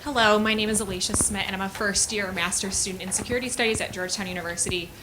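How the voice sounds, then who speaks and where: Brief: fast-talking young woman student, composed, clear room noise behind. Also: medium pitch, fairly even intonation. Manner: quick, composed. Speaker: graduate student asking a question. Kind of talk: audience question at a panel.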